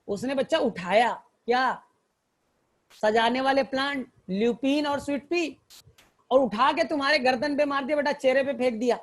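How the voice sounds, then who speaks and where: A male teacher tells a story to help students remember plant examples, fondly calling them "child" and checking often that they follow. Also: extremely high pitch. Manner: fond, addresses students as child; repetitive, checks understanding. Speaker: biology teacher. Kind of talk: mnemonic storytelling lesson.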